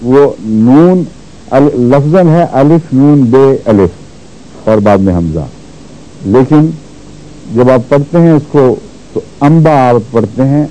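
A man teaching Quran recitation rules, explaining patiently and repeating words slowly to show how they are pronounced. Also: mid-range voice, dark tone, poor audio. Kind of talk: religious lesson on Quran recitation.

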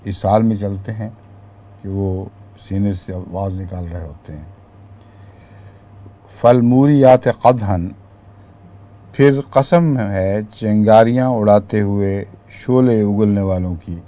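A man's voice: lowish voice, warm tone. A man teaching a class, explaining verses one by one and stopping to put questions to his listeners.

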